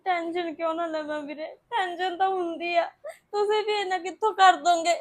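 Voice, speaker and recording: A woman's voice: sits high, moderate pace, natural voice. An actress playing a worried young woman who pleads tearfully for justice. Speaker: distressed young wife seeking justice. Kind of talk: Punjabi web-series acting.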